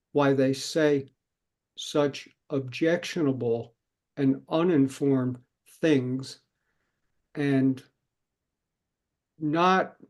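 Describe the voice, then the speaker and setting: A man speaking on a panel in a measured, reflective way. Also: fairly high pitch, a little mellow. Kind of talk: panel talk.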